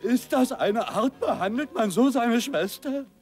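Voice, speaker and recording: A man's voice: very high voice, expressive, unhurried. A man voicing a dim-witted, naive, whiny male outlaw posing as a lady in a dubbed cartoon. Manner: naive, mock-ladylike, plaintive. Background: music.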